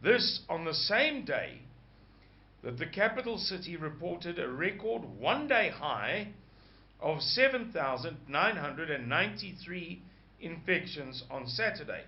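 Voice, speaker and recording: A man with a croaky voice, hosting a rambling casual monologue and stopping to search for words. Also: on the high side, big pitch swings, unhurried. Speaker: host. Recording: dull lo-fi sound.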